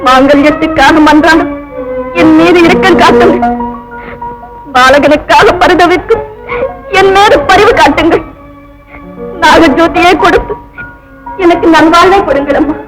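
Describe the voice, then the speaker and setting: A devoted young wife begs in an impassioned, tearful, very high voice. Her delivery is 1950s film melodrama acting. Loud music fills the old film soundtrack behind her. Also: measured pace, long pauses, poor audio. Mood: pleading. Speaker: pleading young wife and mother.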